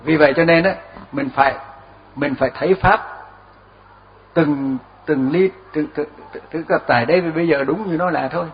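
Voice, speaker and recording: An older Buddhist monk giving a relaxed dharma talk, telling stories with chuckles and repeating his words as he goes. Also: fairly high pitch, moderate pace. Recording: dull lo-fi recording.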